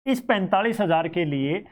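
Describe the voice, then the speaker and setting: A man's voice: sits high, gravelly. A man with a Haryanvi-flavoured Hindi accent teaching students about exam cut-offs in a conversational, thinking-aloud way.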